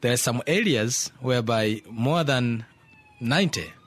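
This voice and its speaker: A man from Tanzania, speaking as a radio interview guest in halting English full of fillers and restarts. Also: medium pitch, animated, husky. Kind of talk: hesitant conversational English.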